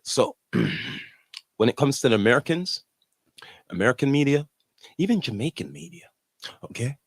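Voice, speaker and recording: A man's voice: medium pitch, wildly swooping pitch, moderate pace, creaky, breathy edge, no echo, studio quality. A man chatting casually and emphatically, repeating himself and throwing out rhetorical questions. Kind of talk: casual chat.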